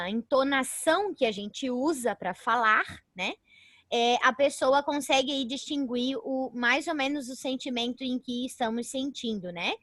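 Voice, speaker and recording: A woman's voice: on the high side, fairly bright tone, no echo. A woman teacher with a Brazilian accent leads an online class in a chatty way, often tagging her sentences with a questioning "né?". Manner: chatty, tags sentences with "né?", calls herself "a professora".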